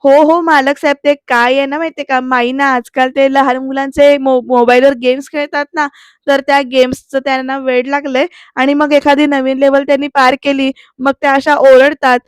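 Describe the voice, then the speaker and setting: A woman's voice: high voice, flat delivery, fairly quick, no room sound, studio quality, natural voice. A woman voicing a flustered young woman from a TV serial, nervously explaining something away.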